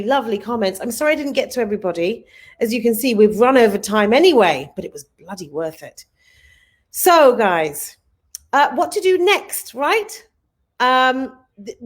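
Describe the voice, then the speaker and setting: A woman's voice: a little high, big pitch swings, moderate pace. A woman hosting a live online show, gushing with thanks and cheerful sign-offs. She talks in an upbeat, effusive way. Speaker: host.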